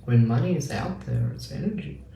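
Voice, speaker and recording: Gravelly-voiced man teaching meditation. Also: mid-range voice, animated, warm tone. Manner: casual, acts out the inner voice in quick asides. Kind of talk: spiritual teaching talk. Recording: roomy, distant mic with faint noise.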